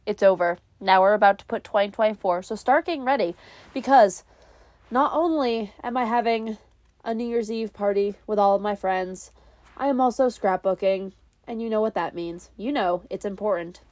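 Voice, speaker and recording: Hosting a solo podcast, a young adult from New England chats casually and pokes fun at herself while congested with a cold. She has a medium-pitched, slightly mellow voice, speaking at a normal rate in a dry, echo-free recording.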